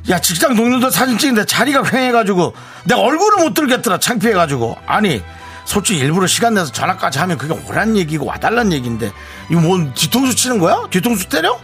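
A man playing a brash, self-centered friend in a radio skit, loud and overbearing. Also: very animated, fast talker, faint music behind, heavily acted. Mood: whiny, aggrieved. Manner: loud, overbearing, with sudden swoops of pitch. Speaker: radio co-host.

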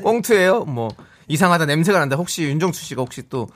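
A male radio co-host with a high, animated voice. He plays the doubter and reads listener messages in casual banter. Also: fast.

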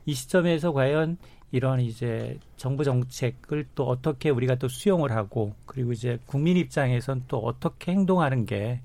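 A man's voice: mid-range voice, moderate pace, few pauses, mellow. A man speaking as an expert panelist in a radio discussion, explaining conversationally with frequent filler words.

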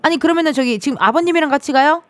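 A woman's voice: sits high, racing, fairly bright tone, no room sound. A woman in her thirties hosting a radio show, chatting playfully and teasing a caller on the phone in a dry studio. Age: 30s. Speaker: radio host. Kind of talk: casual radio phone chat. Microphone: studio microphone.

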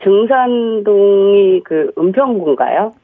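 A woman's voice: mid-range voice, animated, slow pace, husky, no room sound. A woman in her forties calling in over a landline phone to a radio quiz, nervous and answering in short, hesitant, polite replies. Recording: tinny phone line.

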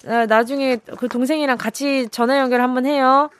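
A woman's voice: high voice, steady tone, a little fast, no room sound. A woman radio DJ in a phone-in chat, playful and coaxing, laughing often as she draws a caller out.

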